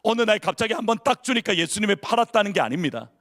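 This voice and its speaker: A man's voice: high voice, sing-song, quick pace, a bit bright. A male pastor preaching a sermon in a church, asking the congregation questions and acting out people's inner worries. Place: church sanctuary.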